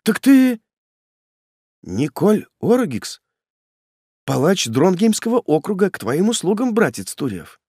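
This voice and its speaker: A man voicing a grim male executioner who talks down to his prisoner in a cold, sneering, gruff way. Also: sits high, big pitch swings, a little slow, long pauses, mellow, dry recording, clean studio sound, pitched above the performer's own voice, heavily acted. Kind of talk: audiobook character voice.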